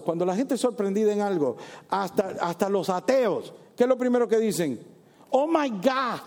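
A male pastor preaching a sermon with emphatic swings from loud to quiet, asking rhetorical questions and acting out prayers. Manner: emphatic preaching, rising to near shouts then dropping low.

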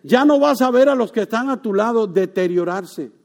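A male pastor preaching a lively sermon to his congregation, joking and rising to loud exclamations. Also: sits high, moderate pace. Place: church. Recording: long reverb of a church hall.

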